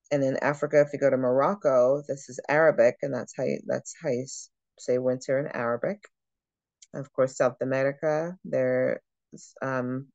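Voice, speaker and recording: Chatty woman giving a software walkthrough. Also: extremely low pitch, no room sound, muffled recording. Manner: chatty, thinking aloud with restarts. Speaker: travel agent trainer. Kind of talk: screen-share software walkthrough.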